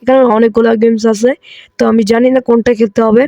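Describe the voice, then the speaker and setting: A hoarse man hosting a gaming channel, chatty and excitable as he comments on mobile gameplay, with English phrases mixed in. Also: very high voice, fast, no room sound, dull audio. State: hoarse, coughing.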